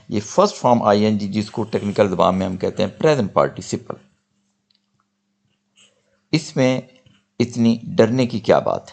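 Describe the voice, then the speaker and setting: An older man teaching English grammar, saying example sentences slowly and deliberately. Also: fairly low pitch, creaky. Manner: slow deliberate model sentences, explanatory. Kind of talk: spoken grammar lesson.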